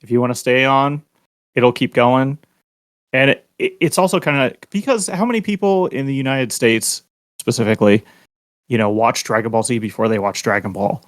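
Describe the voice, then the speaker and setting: A man's voice: mid-range voice, moderate pace, dry recording. Wry man with a dry close sound. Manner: wry, laughing. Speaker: podcast panelist. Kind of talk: casual chat.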